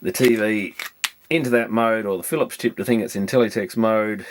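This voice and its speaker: At a normal speed and fairly low pitch, a man presents an electronics repair video. His commentary is casual and hands-on, a matter-of-fact, rambling running monologue as he works through the devices.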